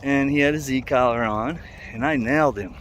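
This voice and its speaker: A man's voice: mid-range voice, brisk, fairly bright tone. A man talking casually while out walking, in a rambling, plain-spoken, conversational way as a dog trainer making a vlog. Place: outdoors, walking in a neighborhood. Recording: outdoor ambient street noise.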